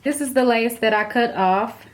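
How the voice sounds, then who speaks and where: A woman hair vlogger talking viewers through a wig tutorial in a chatty, relaxed way. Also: on the high side, moderate pace. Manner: chatty, relaxed, addresses viewers as dolls and guys. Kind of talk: casual tutorial talk to camera. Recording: roomy echo.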